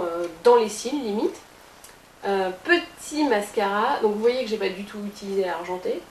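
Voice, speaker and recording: Chatty woman in a roomy room. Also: medium pitch. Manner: chatty, playful asides to viewers. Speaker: beauty blogger. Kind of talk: casual makeup tutorial. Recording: roomy with faint hiss.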